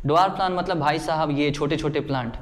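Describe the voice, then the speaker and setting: A man's voice: a little high, fast talker. Playful man teaching biology. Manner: playful, voices student questions himself and answers them; checks often whether the class follows. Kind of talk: classroom lecture.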